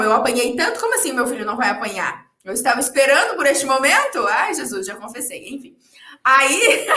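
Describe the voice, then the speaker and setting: Animated woman in echoey room. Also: on the high side. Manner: expressive, stammers and repeats words, quotes herself. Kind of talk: animated casual conversation. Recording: roomy echo.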